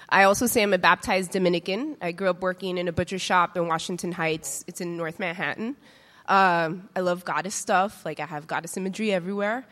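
A woman from New York gives a casual conference talk, chatty and informal, with many fillers and a little nervousness. Her voice is medium-pitched and a bit bright. The recording carries the reverb of a large hall.

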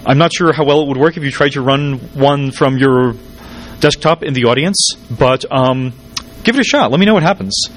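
A man giving a technical conference talk, wired on caffeine, hurried and jittery with stumbles and dry, wry asides. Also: mid-range voice, fairly bright tone, poor audio. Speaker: conference speaker.

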